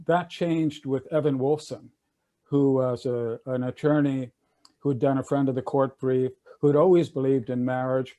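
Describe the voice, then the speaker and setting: This is an older male attorney and panelist talking over a video call, his mid-range voice mellow. He recounts legal history in an easygoing, conversational manner, with many fillers and restarts.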